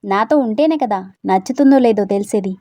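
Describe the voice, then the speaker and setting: A woman's voice: medium pitch, a little fast, dark tone, no echo, close to an everyday voice. A woman voicing a cocky young man, a brash romantic rowdy who teases in a self-assured way in a storybook reading. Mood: teasing, cocky.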